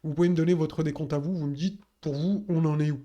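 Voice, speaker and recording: A man talks through market charts in a casual, chatty way, often turning to his viewers. His voice sits a little high but sounds warm and mellow. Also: fairly even intonation, fast. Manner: casual, addresses viewers directly with frequent fillers. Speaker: crypto market analyst. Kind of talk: chart analysis walkthrough.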